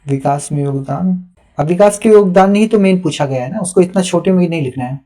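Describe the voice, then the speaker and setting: A man's voice: high-pitched, brisk, mellow. A young adult man, a teacher, giving live feedback on students' written answers and reading them aloud in a patient, instructive way. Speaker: teacher evaluating answer sheets.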